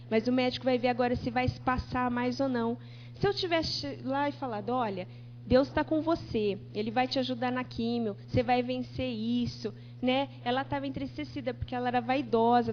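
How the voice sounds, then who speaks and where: A woman preacher giving a sermon in church, telling her story and acting out the conversations in it. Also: high-pitched. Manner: animated storytelling, acting out dialogue. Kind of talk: testimony sermon. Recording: dull church TV recording with faint hum.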